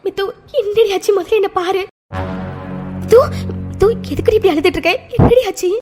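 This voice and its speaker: Woman voicing an anxious young cartoon friend, very high, urgent questions over soft music. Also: fairly quick. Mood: worried. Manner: pressing, worried questioning. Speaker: cartoon character. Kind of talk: Tamil cartoon voice acting.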